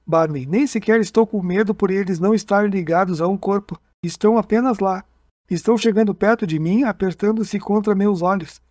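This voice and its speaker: A man's voice: high voice, darkish tone, no room sound, studio quality, close to an everyday voice. A man reading as a dazed hypnotized man. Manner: halting, repeating words. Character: frightened man reliving an abduction under hypnosis.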